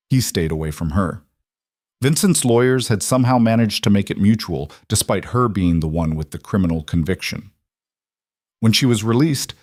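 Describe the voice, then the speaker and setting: A man narrating a scripted story in a steady, even way. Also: lowish voice, no room sound, clean studio sound.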